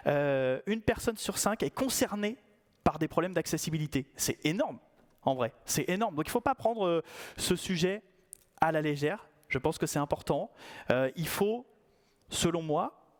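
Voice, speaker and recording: A man's voice: on the high side, lively intonation, normal speed. A man giving a conference talk in a playful, ironic, conversational way. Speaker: conference speaker.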